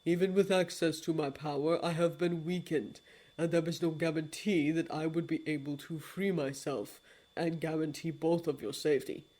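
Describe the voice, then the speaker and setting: A woman reading the part of a solemn immortal male lord of dreams, in a grave, formal, hushed manner. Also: sits low, fairly even intonation, normal speed. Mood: stern.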